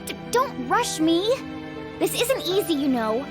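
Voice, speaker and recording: A chatty young female android from a video game, high and girlish. She is earnest and easily flustered, stammering over a music backdrop. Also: very animated, a little slow, full character voice. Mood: embarrassed, hesitant. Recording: music behind the voice.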